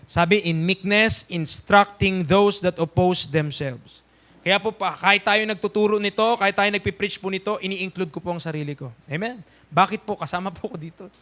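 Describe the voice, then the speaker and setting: A man with a Filipino accent preaching a church sermon, emphatic, calling out amens and dropping to soft asides. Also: high voice, moderate pace. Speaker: pastor.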